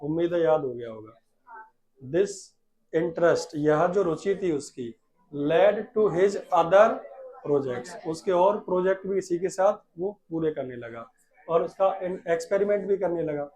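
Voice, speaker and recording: A male teacher in a classroom, dictating English lines slowly and urging the students to repeat them. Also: fairly high pitch, lively intonation, mellow, rough recording. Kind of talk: classroom English lesson with Hindi explanation. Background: class of children.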